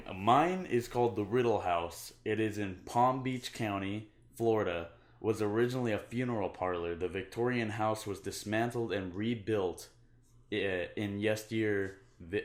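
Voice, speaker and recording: Deep-voiced young man, joking. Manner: joking, deadpan asides. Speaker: co-host. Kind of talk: casual chat.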